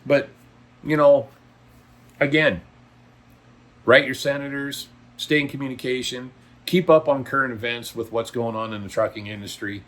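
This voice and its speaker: The trucker and video blogger, middle-aged or older, delivers a casual monologue to viewers that is blunt, folksy, emphatic and opinionated. He speaks at normal speed in a mid-range, fairly bright voice, leaving long pauses.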